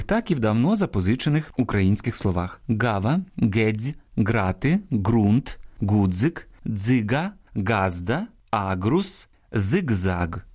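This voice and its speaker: Lively-voiced man explaining language on radio. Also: mid-range voice. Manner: measured, explanatory, stresses example words. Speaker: radio language program host. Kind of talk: scripted educational radio talk.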